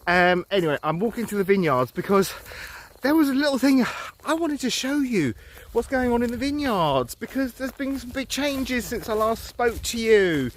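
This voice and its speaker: High-voiced man on a playful walking vlog. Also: sing-song, moderate pace, slight background noise. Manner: playful, mock-serious, self-important. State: slightly out of breath from walking. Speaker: vlogger. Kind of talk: walking vlog to camera, mock news report. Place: outdoors in fields and vineyards.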